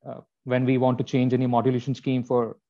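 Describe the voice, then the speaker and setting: A man's voice: medium pitch, completely flat delivery, fast, mellow. A man asking technical questions on a video call, hesitant and full of fillers, politely agreeing. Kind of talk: casual technical discussion. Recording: dull lo-fi call audio.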